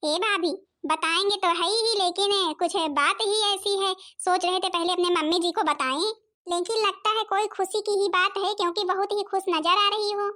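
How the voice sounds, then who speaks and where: Cheerful cartoon daughter. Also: female voice, very high-pitched, steady tone, normal speed, sharp tone. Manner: cheerful, coy. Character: happy young married daughter, expecting a baby. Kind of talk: cartoon comedy voice acting.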